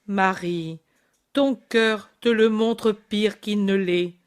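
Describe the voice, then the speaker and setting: A woman's voice: medium pitch, slow pace, lightly acted. A woman voicing a serene soothing woman. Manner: soothing, steady. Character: serene gentle woman comforting a friend. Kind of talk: audiobook reading.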